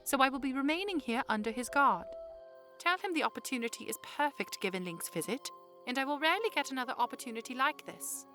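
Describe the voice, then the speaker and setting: Young princess, played by a woman: higher-pitched, polite and earnest, formal phrasing, audio drama with music underneath. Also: expressive, fast. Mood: composed, formal. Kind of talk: fan audio drama acting.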